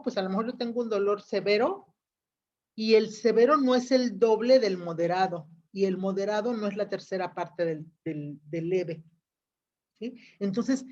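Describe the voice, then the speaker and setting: A fairly high-voiced woman teacher gives an online class lecture. She explains patiently, often pausing to check that her students follow. The audio is dull and lo-fi. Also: a little mellow. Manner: explains patiently, checks understanding with frequent questions.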